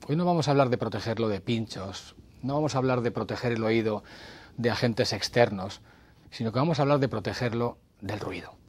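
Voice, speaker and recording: Male TV presenter, husky mid voice, explains to camera and demonstrates loudness himself. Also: mid-range voice, brisk. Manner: demonstrative, shifts from whispers to raised voice. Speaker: TV health segment presenter.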